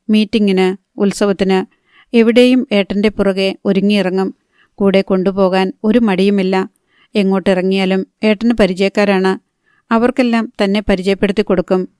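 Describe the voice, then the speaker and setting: A woman reading a novel aloud as an audiobook narrator, in a measured, even manner, lightly voicing the dialogue. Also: medium pitch, smooth, no room sound, clean studio sound.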